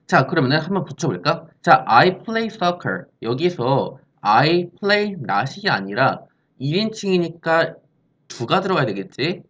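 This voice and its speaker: A man's voice: on the high side, very animated, unhurried, fairly bright tone, lo-fi sound. A man teaching an English grammar lesson, explaining step by step and posing questions he answers himself. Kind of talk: recorded classroom-style lesson.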